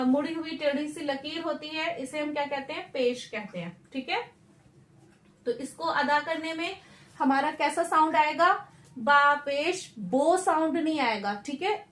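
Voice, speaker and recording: A woman teaching Quran recitation in a patient, slow lesson, asking and answering her own questions. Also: sits high, echoey room.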